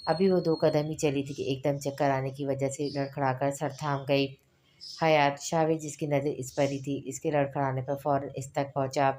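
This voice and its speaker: Brief: female audiobook narrator, low pitch, flat even delivery, measured pace. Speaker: novel narrator. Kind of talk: audiobook novel reading.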